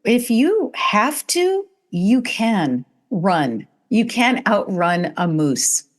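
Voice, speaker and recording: A woman's voice: medium pitch, big pitch swings, drawn-out words. A woman hosting a podcast, reacting enthusiastically to her guest in a casual interview. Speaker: podcast host.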